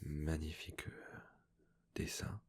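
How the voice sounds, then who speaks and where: A man speaking in a hushed, soft-spoken ASMR manner, slipping into whispers, with a husky, breathy voice, chatting casually as a host. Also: a bass voice, level tone, slow pace. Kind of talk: soft-spoken ASMR, casual chat about book purchases.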